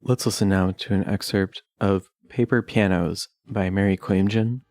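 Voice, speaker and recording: A man's voice: low-pitched, fairly even intonation, normal speed, a little mellow. A man interviewing a guest on the radio, asking brief prompting questions.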